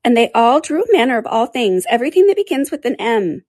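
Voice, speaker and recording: Woman voicing the high, sleepy storybook Dormouse. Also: big pitch swings, a little fast, a little mellow, dry recording, clean studio sound. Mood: drowsy. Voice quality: hoarse, feeble. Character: sleepy, sulky, easily offended little dormouse.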